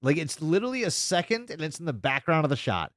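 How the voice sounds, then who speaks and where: Fast and sing-song, this podcast co-host has a high-leaning, fairly bright voice. He recaps a web horror series in casual chat, informal and emphatic with lots of swearing. The studio-quality sound carries no room noise.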